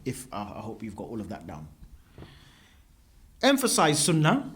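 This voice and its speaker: A man's voice: mid-range voice, wildly swooping pitch, moderate pace, a little hiss or hum. A man teaching a class, explaining terms step by step and checking in with students by asking "yeah?". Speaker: religious teacher. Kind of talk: classroom lecture.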